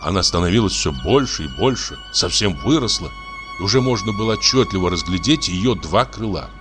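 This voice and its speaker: Male audiobook narrator, very deep and lively in pitch, expressive, with music under. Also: a little fast. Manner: expressive, storytelling. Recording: narration over background music.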